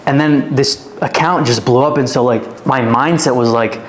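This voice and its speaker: In a casual storytelling interview, a podcast guest tells his life story: he's a fitness influencer from Canada, in his twenties. His pitch is medium and his pace moderate. He rambles loosely, with filler words, especially "like," everywhere.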